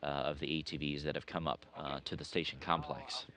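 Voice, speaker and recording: An American man narrating a status update as a mission control commentator, often pausing mid-sentence with an uh. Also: extremely low pitch, steady tone, sharp tone. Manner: hesitant, frequent uh pauses mid-sentence.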